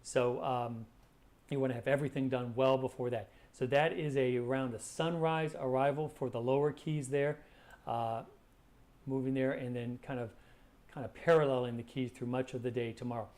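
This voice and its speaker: A man's voice: mid-range voice, fairly even intonation, normal speed, darkish tone. A man presenting a live weather briefing as a forecaster, talking conversationally and hesitantly, often repeating words as he explains.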